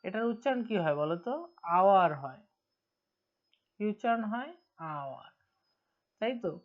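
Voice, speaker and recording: Bengali woman teaching English grammar. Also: mid-range voice. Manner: asks students questions and answers them herself. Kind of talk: online grammar lesson. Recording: dull lo-fi recording.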